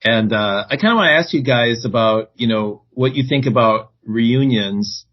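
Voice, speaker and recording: A man co-hosting a casual podcast chat from the road over a weak internet connection without his headset, his voice coming through as low-quality stream audio. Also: moderate pace. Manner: chatty, poses questions to the group. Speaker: podcast co-host. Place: on the road, away from home. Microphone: no headset, built-in device mic. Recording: dull lo-fi internet call audio.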